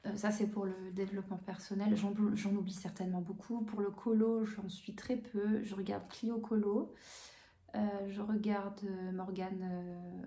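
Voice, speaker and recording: A woman hosting her coloring channel, chatting casually in answer to viewer questions at home, calm and hesitant with many fillers and restarts. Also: medium pitch, a little slow. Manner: calm, even delivery. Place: home room with bookshelves. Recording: roomy echo.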